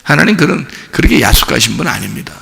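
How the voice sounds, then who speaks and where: A pastor preaching a sermon in an animated way, sometimes rising to shouts. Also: male voice, fairly high pitch, fast talker, gravelly, long reverb tail. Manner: animated preaching, acts out quoted voices; rises to shouting at climaxes. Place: church sanctuary.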